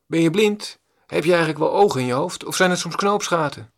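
A man acting out an angry stranger who shouts insults after being bumped into on a footpath. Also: a little high, a little fast, pitched above the performer's own voice, natural voice. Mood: angry, shouting. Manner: shouting, indignant.

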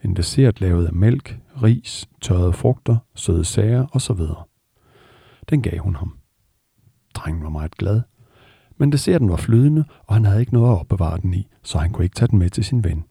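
Gravelly, dark-voiced man teaching dharma. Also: low-pitched, lively intonation, no echo, studio quality. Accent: Indian. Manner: measured, repetitive teaching cadence, voices characters in the story. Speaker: meditation teacher. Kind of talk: dharma discourse with parable.

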